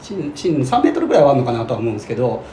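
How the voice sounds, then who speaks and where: Animated man chatting in an echoey room. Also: mid-range voice, rapid-fire. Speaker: podcast co-host. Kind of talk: casual chat. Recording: roomy echo, faint background noise.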